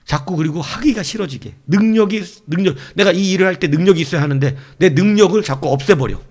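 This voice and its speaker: A male pastor preaching a sermon in a lively way, acting out the devil's taunts in other voices. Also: high voice, fast.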